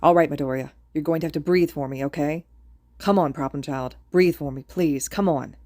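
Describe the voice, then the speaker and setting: Woman reading a gruff, worn-out male teacher. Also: sits low, fairly quick, darkish tone, dry recording, natural voice. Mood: urgent. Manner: blunt, swearing, mumbled.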